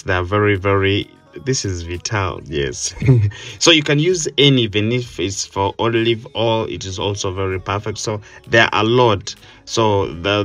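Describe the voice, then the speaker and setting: A man explaining a hairstyling tutorial as the instructor, talking in halting bursts with many fillers and repeated words. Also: lowish voice, fairly bright tone. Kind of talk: hair tutorial with channel promotion.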